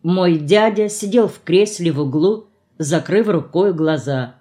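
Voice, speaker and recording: A woman's voice: on the low side, unhurried, mellow. Woman reading a novel aloud. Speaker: audiobook narrator. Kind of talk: first-person literary narration.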